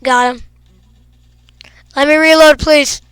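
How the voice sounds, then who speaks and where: A young woman giving playful, goofy gameplay commentary, teasing her teammates and bursting into shouts. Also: sits high, fairly even intonation, takes it slowly, no room sound. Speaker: gaming video creator.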